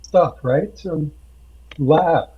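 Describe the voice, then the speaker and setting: A man on a podcast, telling a tabletop game story slowly with many pauses and fillers. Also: fairly high pitch, a little hiss or hum. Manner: slow, halting with many fillers. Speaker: podcast guest, game master. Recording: dull lo-fi sound.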